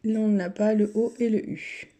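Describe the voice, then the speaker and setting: A woman vlogger talks her viewers through what she is doing in a relaxed, chatty way. Her voice is deep-toned and mellow, at a middle pitch for a woman. She slips into quiet mutters and near-whispers at times, picked up by a camera set on a table. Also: moderate pace. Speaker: YouTuber. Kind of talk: casual running commentary while scratching lottery tickets.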